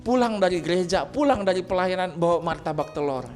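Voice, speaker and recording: A male pastor preaching in a relaxed, chatty way, with a lilt. He jumps into little acted dialogues and laughs with his listeners. Faint music plays behind him. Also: sits high, fairly quick. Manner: lively storytelling, acting out quoted dialogue, joking and laughing. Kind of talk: sermon.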